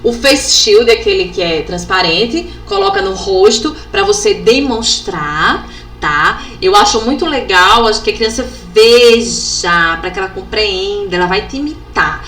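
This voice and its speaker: A woman from Brazil, an educational psychologist giving a workshop, sounding out letters and syllables slowly and ending phrases with tag questions. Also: fairly high pitch, very animated, fairly bright tone. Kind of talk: instructional workshop talk. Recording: echoey room with faint background noise.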